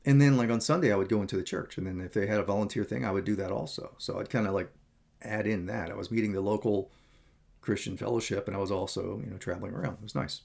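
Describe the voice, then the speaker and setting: Man, vlogger; low, husky voice; candid, meandering casual monologue. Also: quick pace, a little mellow.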